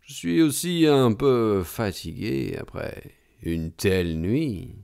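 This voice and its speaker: Man doing a soft, mocking lodger. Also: lowish voice, animated, voice pushed up, full character voice. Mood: smooth mocking. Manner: deliberately soft, smooth and ironic. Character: suave, mocking middle-aged male lodger.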